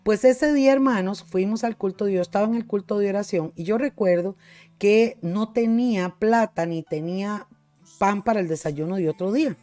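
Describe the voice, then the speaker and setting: Faint music plays behind this Costa Rican-accented pastor, a middle-aged woman who fervently tells a personal testimony within her sermon. She often addresses the audience as brothers and sisters, speaking at a moderate pace in a mellow, medium-pitched voice.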